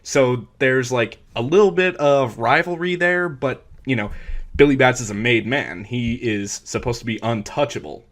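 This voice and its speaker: A man's voice: medium pitch, moderate pace, a bit bright. A young man on a podcast casually recapping a film plot, rambling with lots of fillers. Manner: rambling, filler-heavy retelling with bursts of impressions. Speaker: podcast co-host. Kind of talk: casual movie recap chat.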